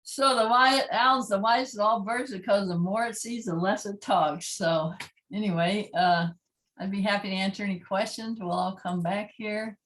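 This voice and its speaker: At a normal speed and medium pitch, with a fairly bright tone, a woman leads an informal library talk on owls, playing recordings along the way. She is chatty and eager and apologizes for small slips, and the recording sounds rough.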